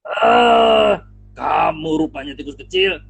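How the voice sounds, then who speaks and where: A man voicing a proud, angry male lion king who roars and scoffs in a booming, gravelly voice. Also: huge pitch swings, takes it slowly, a bit bright, soft background music, heavily acted, low-quality recording.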